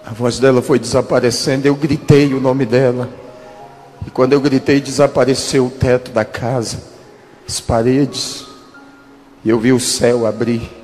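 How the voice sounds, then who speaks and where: A man in his thirties, a pastor, giving a dramatic testimony and slowing down for quoted speech. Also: medium pitch, fairly even intonation, darkish tone. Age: 30s. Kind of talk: testimony sermon. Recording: reverberant hall with music behind.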